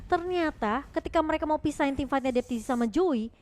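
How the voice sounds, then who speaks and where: A woman with an Indonesian accent giving animated live esports commentary and analysis, with quick reactive interjections. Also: high voice.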